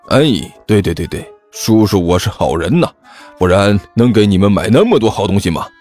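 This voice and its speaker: A man's voice: on the low side, very animated, moderate pace, a little mellow, faint music behind. A man voicing a child trafficker who puts on a forced, cheerful manner and stammers with uneasy laughs. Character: fake-friendly male child trafficker, grown man.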